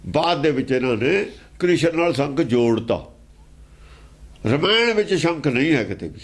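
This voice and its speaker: A man's voice: a little high, sing-song, moderate pace. A man teaching scripture in an emphatic, argumentative way, asking pointed rhetorical questions. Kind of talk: explaining scripture verse by verse.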